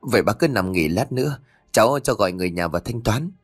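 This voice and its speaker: A man's voice: fairly low pitch, expressive, quick pace, dry recording, studio quality, soft background music. A man reading an audiobook, briefly voicing a polite young nurse.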